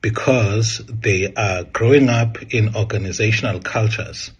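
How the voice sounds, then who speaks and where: A male political analyst speaking in a slow, deliberate and critical way. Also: fairly low pitch, breathy edge. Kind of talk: measured spoken commentary.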